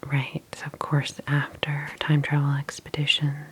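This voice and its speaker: Playing a calm healthcare specialist for ASMR, a low-pitched woman speaks softly in gentle, breathy whispers, taking her time and sounding attentive and reassuring. There's a noisy background.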